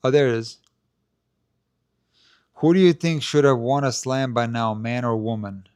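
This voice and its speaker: In an unhurried, steady tone, a tennis channel host with a low, soft, not strong voice chats through a live stream Q&A, speaking to camera indoors. His casual answers are full of hedging, restarts, and fillers like "like" and "you know," picked up clearly by a handheld mic held close.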